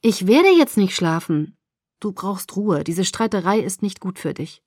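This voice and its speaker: A woman voicing a calm, gently teasing young man who sits at a hospital bed and speaks softly and patiently. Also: medium pitch, measured pace, no echo, studio quality. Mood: calm, coaxing.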